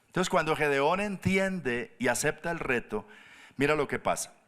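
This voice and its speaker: A pastor preaching a sermon, animated, jumping up high for emphasis and dropping to soft low tones. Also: male voice, normal speed. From Colombia.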